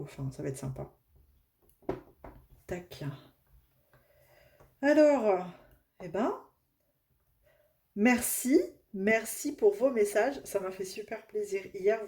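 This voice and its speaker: A woman's voice: mid-range voice, warm tone, slight background noise. A woman with a Northern French accent chatting casually at home while doing a craft project, with many fillers and restarts. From northern France. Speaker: craft vlogger.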